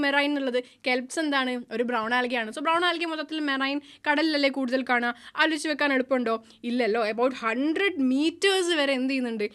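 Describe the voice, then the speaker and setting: A woman's voice: high-pitched, a bit bright. A woman with a Malayali accent teaching a biology class, mixing in English terms and asking the students questions she answers herself. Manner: mixes English terms into her speech. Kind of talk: online class lecture.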